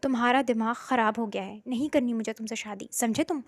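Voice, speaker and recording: A woman's voice: fairly high pitch, no echo. A woman voicing a frightened, defiant young woman. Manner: sharp, protesting and insistent.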